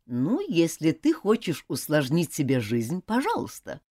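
A woman voicing a stern but loving mother who scolds her daughter in a firm, lively voice. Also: sits low, a little slow, heavily acted.

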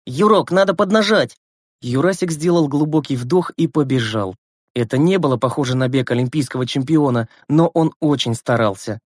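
A man narrating an audiobook story in a measured, expressive way. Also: medium pitch, no echo, studio quality. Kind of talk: scripted narration.

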